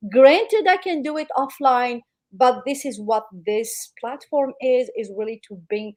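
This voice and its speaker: A woman's voice: high voice, a little slow, a little mellow. A woman hosting a podcast interview, talking in an effusive, chatty way with frequent fillers. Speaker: podcast host. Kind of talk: casual interview chat.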